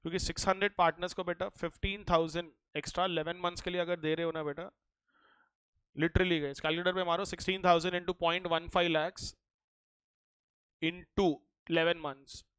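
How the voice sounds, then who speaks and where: Fast, high-voiced Indian man teaching. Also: flat delivery, fairly bright tone, clear, resonant tone, dry recording, rough recording. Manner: insistent, often checking that students follow, addressing them familiarly. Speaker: teacher of an exam preparation class. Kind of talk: classroom lecture mixing English and Hindi.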